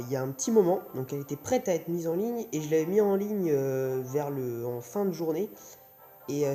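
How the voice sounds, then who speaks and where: A man's voice: on the high side, mellow. A young man hosting a gaming video in casual, hesitant, rambling commentary, his mouth sore after wisdom teeth surgery. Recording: music playing behind the voice. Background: music.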